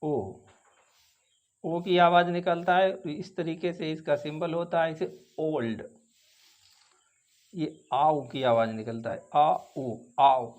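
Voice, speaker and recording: A man teaching a phonics lesson at a slow, deliberate pace. His voice sits high for a man. He repeats each example word so it sinks in.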